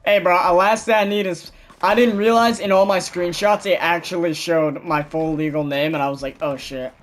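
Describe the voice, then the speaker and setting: A young man tells stories to his friends over a gaming voice chat, animated and quick to swear, and he loudly mimics the people he talks about. His voice sits a little high. Faint noise runs under the recording. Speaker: gamer chatting with friends.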